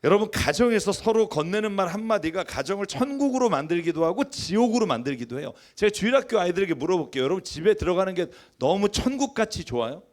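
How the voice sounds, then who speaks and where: A man's voice: sits high, big pitch swings, fast, few pauses. A male pastor preaching a conversational sermon who acts out family conversations as he goes.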